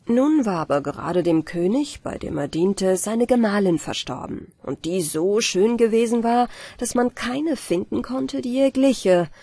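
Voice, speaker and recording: A woman narrating a fairy tale as an audiobook for falling asleep, in a calm, measured storytelling manner. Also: medium pitch, breathy edge, dry recording. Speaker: audiobook reader.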